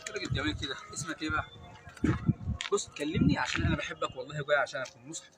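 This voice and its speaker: A man's voice: a little high, wildly swooping pitch, very fast. An Egyptian man, a charity founder, coaxing and soothing a homeless man outdoors on a sunny street, pleading and affectionate. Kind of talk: coaxing street outreach talk. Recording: loud street noise behind.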